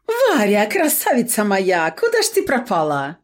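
A woman voicing a cowardly middle-aged male trader who whines, sobs and begs in a high, breaking voice. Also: huge pitch swings, normal speed. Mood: fawning. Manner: whining, pleading, sobbing.

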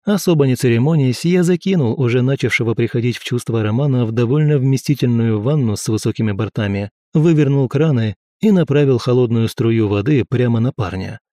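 Man reading an audiobook in a mellow voice. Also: medium pitch, no echo, studio quality. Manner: steady, measured reading. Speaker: audiobook narrator. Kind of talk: scripted first-person narration.

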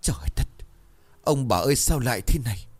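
A man's voice: mid-range voice, animated, brisk, a little mellow, breathy edge, pitched above the performer's own voice. A man voicing a frantic, pleading rich village landlord in a told horror story. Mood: panicked. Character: panicked rich landlord man, domineering then desperate.

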